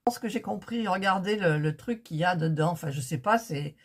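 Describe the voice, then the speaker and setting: A woman's voice: lowish voice, a little fast. A woman talking her way through a crafting project in a casual vlog, thinking aloud and getting flustered when it goes wrong. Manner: chatty, thinking aloud, gets flustered and exasperated. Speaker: craft vlogger.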